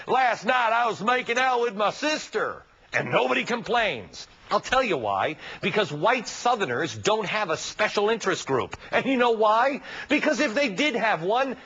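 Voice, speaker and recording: A male TV host delivering an opinion monologue with a husky, slightly raised voice that swings widely in pitch. He presses his points with sarcasm and rhetorical questions. The broadcast audio sounds dull and lo-fi. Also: a bit bright. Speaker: TV commentary host.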